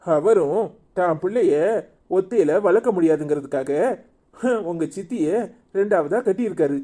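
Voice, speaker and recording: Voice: medium pitch, normal speed, warm tone, lightly acted. A performer voicing a protective young husband in a cartoon serial, with a Tirunelveli Tamil accent, scolding and coaxing by turns. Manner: scolding then coaxing, repeats pleas.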